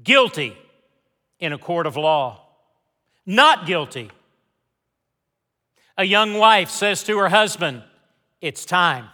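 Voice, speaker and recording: High, bright-voiced preacher man in a reverberant hall. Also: expressive. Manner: emphatic, dramatic delivery with deliberate pauses and repeated key phrases; swings between hushed asides and loud declarations. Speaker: pastor preaching to a congregation. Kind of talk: sermon. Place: large church sanctuary. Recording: reverberant large hall sound.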